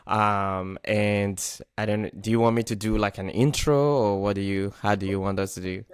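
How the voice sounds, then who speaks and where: A man's voice: lowish voice, steady tone, moderate pace, clean tone, dry recording. A man in his thirties hosting a podcast, casual and full of "like". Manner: casual, lots of "like" and restarts. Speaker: podcast host. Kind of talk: casual chat.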